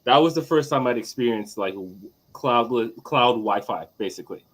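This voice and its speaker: A man's voice: mid-range voice, expressive, normal speed, a bit bright. A man in his thirties from Trinidad, a guest chatting casually with many fillers and easy laughs. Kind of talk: casual chat.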